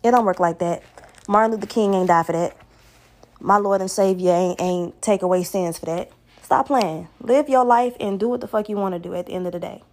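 A woman's voice: mid-range voice, fairly quick. A young woman hosting a solo podcast, giving blunt, profane advice in casual talk. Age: young adult. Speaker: podcast host.

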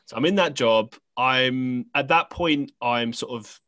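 A man's voice: medium pitch, unhurried, a bit bright, no room sound. A young man from England, a podcast host telling a story in casual conversation, rambling with many fillers and restarts.

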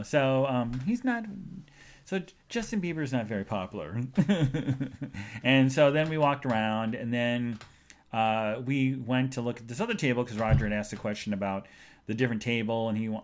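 A podcast host, a man with a voice of middling pitch, tells stories in a loose, rambling way. He jokes often and gets animated while he talks. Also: a little fast. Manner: rambling, jokey, animated storyteller. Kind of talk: casual storytelling monologue.

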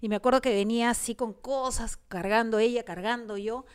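A woman's voice: fairly high pitch, fairly even intonation, a little fast, smooth. A woman, co-hosting a podcast and telling funny stories in casual chat, often laughing through the punchlines. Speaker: podcast co-host.

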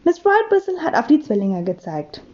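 A woman narrating a children's book in a playful, expressive way. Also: high voice, moderate pace, highs cut off. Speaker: audiobook narrator. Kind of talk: lively children's audiobook reading.

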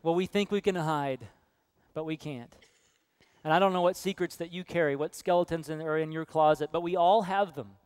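A man preaching a sermon to his congregation, earnest and direct, telling stories with hushed quoted voices. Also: on the high side, moderate pace, clean tone, no room sound. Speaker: pastor. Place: church sanctuary.

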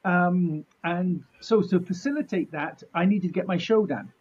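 A middle-aged man from chats through his anecdotes on a muffled recording. His voice is high for a man and rough-edged, and he tells things jokingly, at his own expense, acting out remarks as he goes. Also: normal speed, darkish tone. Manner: jokey, self-deprecating, mildly sweary, acts out remarks. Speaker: martial artist being interviewed. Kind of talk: animated anecdotal storytelling in casual chat.

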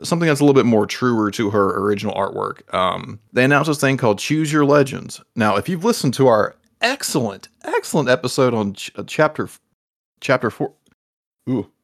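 A man co-hosting a casual video game podcast, talking animatedly and jumping into high excited voices when he quotes himself. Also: a little fast, vocal fry. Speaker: podcast co-host. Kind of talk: casual podcast chat about video games.

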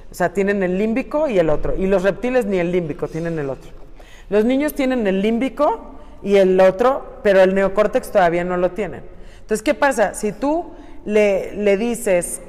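A middle-aged woman talks earnestly about raising children, often stopping to find the right word and acting out little exchanges. Her voice sits at a middle pitch. A long reverberant tail trails behind her in the room. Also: a little mellow. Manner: earnest, searching for words, acts out dialogue. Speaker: parenting speaker. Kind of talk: explanatory casual talk.

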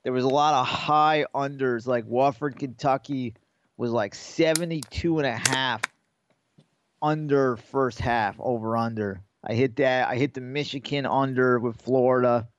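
A man's voice: medium pitch, fairly even intonation, a little slow, highs cut off. A man co-hosting a podcast, telling rambling, profane stories and acting out the people in them. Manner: rambling storyteller, swears freely, acts out quotes. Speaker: podcast co-host. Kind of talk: casual sports betting chat.

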